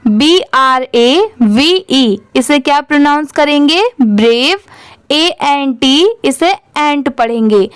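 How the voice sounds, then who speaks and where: A woman's voice: high-pitched, dry recording. A woman teaching English reading, spelling words out letter by letter and asking questions she answers herself. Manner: spells words letter by letter, then says them slowly; asks learners questions and answers them herself. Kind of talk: slow spelling-out reading lesson.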